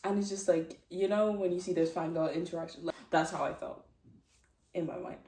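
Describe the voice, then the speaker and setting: Young woman rambling thru a story, lots of giggles and likes, kinda low voice, mic far off. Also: steady tone, a little fast, mellow. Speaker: vlogger. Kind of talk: casual storytelling. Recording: echoey room, distant mic.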